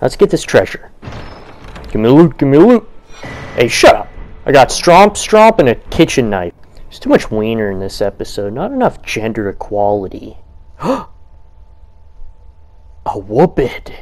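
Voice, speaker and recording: A young man giving crude, comedic commentary while playing a video game, bursting into shouts and yelps. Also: mid-range voice, very animated, measured pace, long pauses, rough recording. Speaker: let's play gamer.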